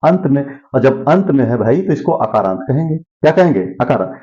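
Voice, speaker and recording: A man's voice: mid-range voice, very animated, fairly quick, mellow, muffled recording. Man teaching Sanskrit grammar, quizzing aloud. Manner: asks questions and answers them himself. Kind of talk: classroom lesson.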